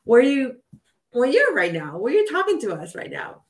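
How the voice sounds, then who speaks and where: A woman's voice: high-pitched, huge pitch swings, normal speed. A woman from Puerto Rico hosting a podcast interview, enthusiastic and laughing easily. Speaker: podcast host.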